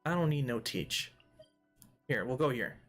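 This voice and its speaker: A man's voice: medium pitch, lively intonation, a little slow, soft background music. A man hosting a let's play, giving casual, rambling commentary full of jokes and talking to the game's characters. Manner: jokey, rambling, talks to game characters.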